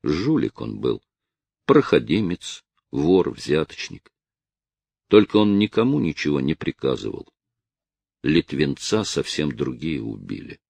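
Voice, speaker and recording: A man voicing a stern, weary male police officer who speaks quietly and firmly. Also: rumbling low, very animated, a little slow, vocal fry, slightly rough, dry recording, heavily acted.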